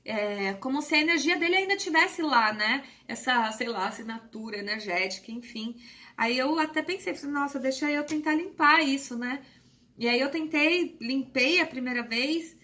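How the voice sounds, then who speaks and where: A woman from Brazil telling a personal spiritual story to camera, soft and hesitant, pausing often and growing emotional. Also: high-pitched, expressive. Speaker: spiritual channel host.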